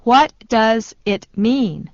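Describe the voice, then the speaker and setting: A woman slowly and deliberately repeating short phrases for learners in a language lesson. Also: a little high, lively intonation, no room sound. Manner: very slow, deliberate delivery. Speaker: phrase reader. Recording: dull lo-fi dry sound.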